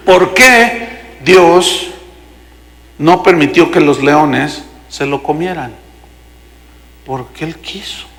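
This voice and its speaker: High-voiced pastor preaching. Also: male voice, a bit bright. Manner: dramatic storytelling, acting out characters. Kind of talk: sermon. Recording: long hall reverb.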